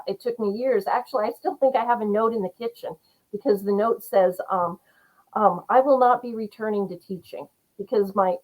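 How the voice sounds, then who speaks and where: A woman's voice: medium pitch, darkish tone, rough recording. Earnest, rambling middle-aged woman. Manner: rambling, earnest, many fillers and restarts. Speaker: guest author. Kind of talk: casual interview chat.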